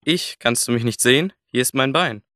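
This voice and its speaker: A man voicing a cheeky, self-assured talking plush rabbit in a playful, lively way, for a scripted language-course radio play. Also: medium pitch, normal speed, no room sound, clean studio sound, close to an everyday voice.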